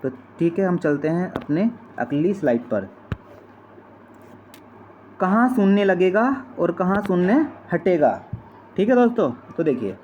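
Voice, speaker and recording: A man's voice: sits high, a little mellow. Patient male maths teacher, lo-fi. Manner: patient, repeats steps and keeps addressing friends. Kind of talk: slide-based maths lesson. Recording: dull lo-fi sound with faint noise.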